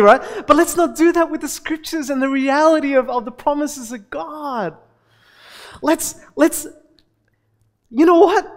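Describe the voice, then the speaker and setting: Animated middle-aged pastor in a reverberant hall. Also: male voice, very high-pitched. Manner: animated, conversational, gestures while preaching. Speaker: senior pastor. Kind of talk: sermon. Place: church hall with stage and projection screen.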